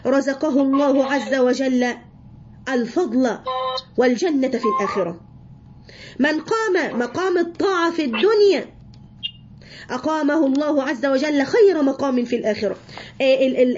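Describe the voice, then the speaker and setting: A woman's voice: high voice, darkish tone. A woman with an Egyptian Arabic accent teaching a religious lesson, explaining points and asking her listeners rhetorical questions. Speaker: Quran teacher. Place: room with women listeners. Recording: dull lo-fi lesson recording.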